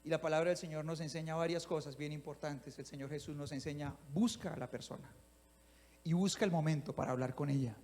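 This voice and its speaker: A man's voice: fairly high pitch, brisk, big-room sound. A male pastor, preaching a sermon that he livens up with acted-out scenes, often asking his listeners whether they follow him. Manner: animated, acts out little scenes and asks the congregation if they follow.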